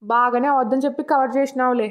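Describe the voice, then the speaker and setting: A woman voicing an older village father-in-law in a cartoon, with a lowered, gruff put-on voice. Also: fairly even intonation, fast talker, a little hiss or hum, natural voice. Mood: worried.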